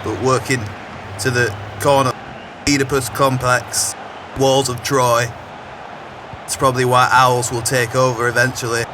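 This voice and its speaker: A man's voice: mid-range voice, level tone, a little slow, long pauses. A man talking as a football pundit, rambling into nonsense while his faulty microphone keeps cutting his voice in and out. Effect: voice cutting in and out from a faulty mic. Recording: distant noisy mic that keeps cutting out.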